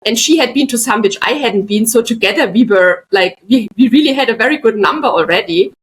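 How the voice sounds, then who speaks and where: Animated and brisk, this Bavarian woman speaks in a slightly rough, somewhat high voice, captured on a rough recording. A middle-aged artist whose native tongue is German, she's a podcast guest who tells chatty stories peppered with asides.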